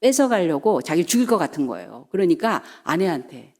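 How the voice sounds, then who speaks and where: A middle-aged woman pastor preaching a sermon, telling the story in a lively way and acting out the voices of its people. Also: fairly low pitch, fairly quick. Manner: animated storytelling, acts out quoted voices.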